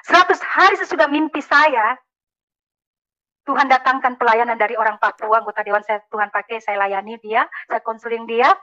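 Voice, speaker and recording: A woman's voice: fairly high pitch, fairly quick, sharp tone, dull audio. A woman from Makassar giving a religious conversion testimony, telling her story emphatically and often calling out to the listeners. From Makassar, Indonesia. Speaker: testimony speaker.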